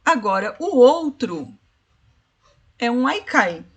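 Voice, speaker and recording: A woman giving an online literature lesson. She explains step by step, checks in with "né?" and slows down to count syllables and spell out rhyme schemes. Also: fairly high pitch, sing-song, breathy edge. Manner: explanatory, repeats "né?" and "ó". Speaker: literature teacher. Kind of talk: online tutoring session.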